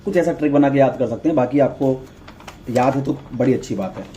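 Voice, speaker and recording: Dark-voiced man teaching chemistry mnemonics. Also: medium pitch, fairly quick, a little hiss or hum. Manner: repeats terms and mnemonics, addresses students as beta. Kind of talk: exam-prep lecture in Hindi.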